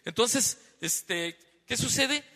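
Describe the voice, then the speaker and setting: High, bright-voiced preacher in a hall. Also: male voice, animated, slow pace. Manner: conversational, asks the congregation many tag questions; loud and emphatic, then lowers his voice after being told he is shouting. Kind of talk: sermon. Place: church hall. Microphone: handheld or stand microphone.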